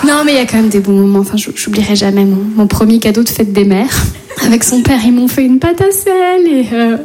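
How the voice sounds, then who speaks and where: A woman's voice: on the high side, lively intonation, brisk, mellow. A woman in her thirties doing a stand-up routine, telling stories in a wry, self-mocking way. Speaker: stand-up comedian.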